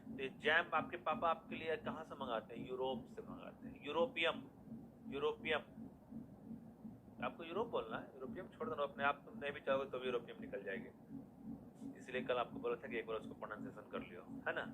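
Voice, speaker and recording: A man's voice: medium pitch, brisk, noisy background. A man teaching a classroom lesson in Hindi mixed with English terms, repeating his questions and then answering them himself to drill memory tricks.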